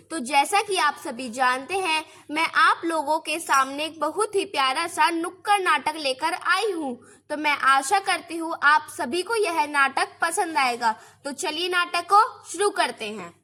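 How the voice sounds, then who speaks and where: A woman's voice: very high voice, sharp tone. A young woman presenting a student play with a rehearsed introduction to an audience. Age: young adult.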